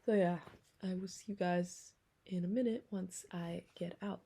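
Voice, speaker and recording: A woman's voice: on the low side, fairly even intonation, moderate pace, heavy background noise. A sleepy young woman vlogging casually, rambling with lots of fillers and yawns. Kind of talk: casual vlog talk.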